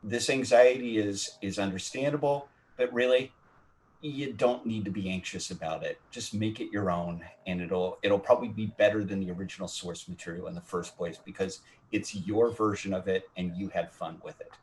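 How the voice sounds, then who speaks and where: A man's voice: fairly low pitch, normal speed, darkish tone, slight background noise. An older man speaking reflectively and reassuringly as a panelist. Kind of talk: panel discussion.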